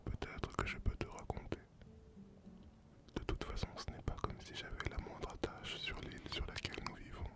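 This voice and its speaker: A performer voicing a solitary male sea captain and former pirate in a whispered role-play, breathy and unvoiced, telling the tale slowly and poetically to the listener. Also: lightly acted. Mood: wistful, serene. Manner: slow, poetic storytelling addressed to the listener.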